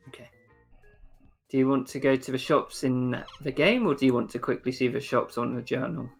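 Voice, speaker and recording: Male game master, mid-range voice, informal tabletop chat over soft music. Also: medium pitch, fairly quick, creaky. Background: background music.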